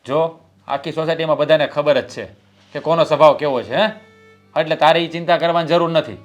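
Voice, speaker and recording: Protective husband, firm and coaxing, voice a bit high; male actor. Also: fairly quick, faint music behind, lightly acted. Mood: stern. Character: protective husband, head of the family. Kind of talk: family drama acting.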